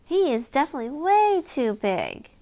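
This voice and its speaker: A high-pitched woman reads a picture book to young children at a normal speed, narrating expressively and playing up a sense of wonder for the little ones.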